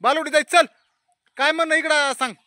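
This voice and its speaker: A man's voice: extremely high pitch, steady tone, fairly quick, sharp tone. A man, vlogging casually while scolding and coaxing a small child at home. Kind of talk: casual family vlog chatter.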